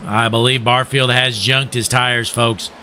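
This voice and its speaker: A man's voice: mid-range voice, flat delivery, a little slow, pushed and bright, slight background noise. A young man giving folksy play-by-play commentary on a sim race, joking and calling to "folks", while losing his voice.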